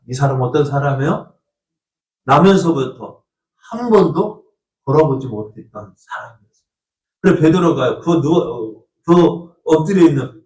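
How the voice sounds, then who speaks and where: A man's voice: medium pitch, a little mellow. A male pastor preaching a storytelling sermon, asking the congregation questions and acting out the voices of people in the story. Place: church sanctuary. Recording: echoey church from a distant mic.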